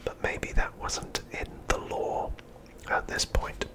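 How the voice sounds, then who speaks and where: This ASMR host, a man, gives a scripted recap entirely in a breathy, unvoiced whisper, speaking in a hushed and measured way.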